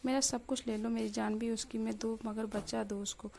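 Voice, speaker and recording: A woman's voice: on the high side, little pitch movement, normal speed, creaky, mellow. Desperate pleading husband, voiced by a woman. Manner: pleading, frantic.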